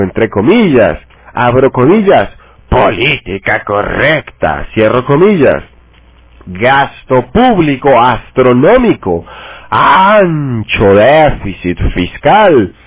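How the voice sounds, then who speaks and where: A man reading a political text aloud, slowly and deliberately, saying every quotation mark out loud. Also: mid-range voice, no room sound. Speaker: reader. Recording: dry tinny phone-like sound.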